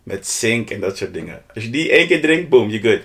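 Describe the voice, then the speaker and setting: This podcast co-host, a Dutch man, has a gravelly, fairly low voice and talks a little fast. In a laid-back storytelling chat he gets animated and slangy, slipping in English expressions and sound effects.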